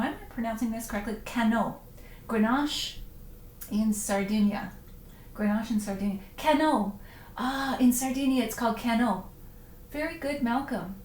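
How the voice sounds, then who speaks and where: A woman's voice: fairly high pitch, darkish tone, a little hiss or hum. A middle-aged woman hosting a casual live-stream wine tasting, chatty and punning, reading viewer comments aloud. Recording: echoey room, faint ambience.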